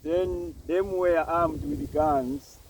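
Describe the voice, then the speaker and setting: A man interpreting an interview outdoors, translating in halting phrases. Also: fairly high pitch, fairly even intonation. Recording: windy outdoor recording, distant mic, boat noise.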